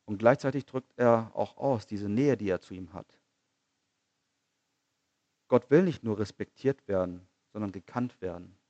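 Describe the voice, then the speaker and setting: An earnest man delivers a sermon in a fairly low voice, building his points with rhetorical questions and repeated phrases. He slows down to stress key lines. The recording is close and dry, with a slightly dull, muffled tone. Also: a little mellow, no echo. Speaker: preacher.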